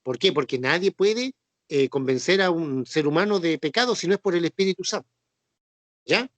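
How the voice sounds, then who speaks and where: A man's voice: a little high, animated, normal speed, no echo. A man teaching a sermon on scripture, repeating points and checking understanding with frequent tag questions. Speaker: preacher.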